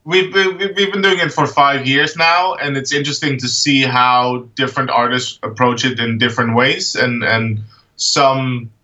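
A Dutch man in his thirties, a guest in a casual interview, who talks in a halting way with many fillers and restarts. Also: mid-range voice, steady tone, bright, forceful tone, recorded from a distance, low-quality recording. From Netherlands. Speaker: guest, art project founder.

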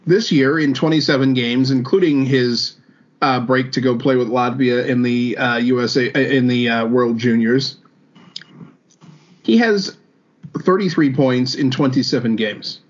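A man's voice: mid-range voice, measured pace, muffled recording. A man co-hosting a sports podcast, reeling off numbers with many ums and uhs. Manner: reels off stats with many fillers. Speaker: podcast co-host. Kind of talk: casual sports chat.

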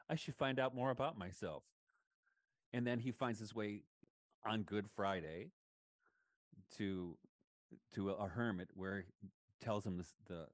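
A man's voice: mid-range voice, dry recording. A man who teaches college students, talking in a thoughtful, rambling way in a casual conversation and retelling scenes with enthusiasm. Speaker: college lecturer.

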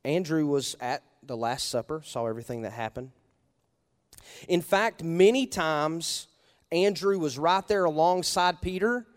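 A male pastor preaching a sermon in a conversational style, asking the congregation questions and punching key words with sudden loud emphasis. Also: on the high side, animated, unhurried, in a large hall.

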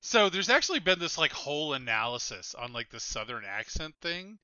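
A man co-hosting a podcast, talking in animated casual chat with lots of filler words. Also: fairly high pitch, fairly quick, clear, resonant tone, dry recording, highs cut off. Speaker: podcast co-host.

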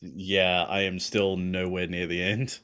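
A man's voice: low voice, flat delivery, unhurried, a bit bright, clean tone. A man, co-hosting a casual gaming podcast, talking in a laid-back, rambling way full of fillers. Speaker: podcast co-host.

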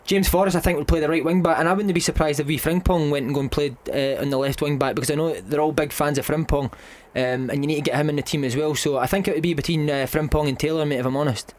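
A man's voice: a little high, steady tone, quick pace, hardly any pauses. A Scottish man talking football as a radio pundit, chatty and keeps calling the caller "mate". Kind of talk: casual phone-in chat.

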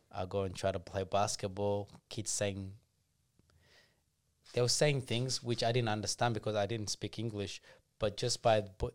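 A man telling his life story as a podcast guest in a soft-spoken, unhurried way. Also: fairly low pitch, smooth. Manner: soft-spoken, unhurried, acts out his younger self in quotes. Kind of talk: casual storytelling.

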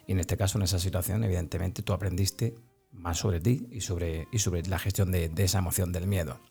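Deep, husky male interviewer. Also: brisk, mellow. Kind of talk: conversational interview.

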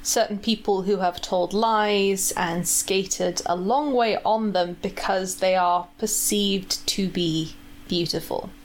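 A woman's voice: medium pitch, steady tone, slow pace, a little hiss or hum. A woman co-hosting a podcast, chatting casually about books and writing and steering the talk back on track. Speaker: podcast co-host.

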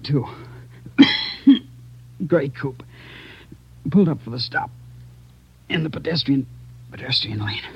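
An American man playing a wounded, dying policeman in an old radio drama, dazed, weak and gasping in halting fragments. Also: mid-range voice, husky. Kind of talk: 1950s radio drama acting. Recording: muffled old radio recording.

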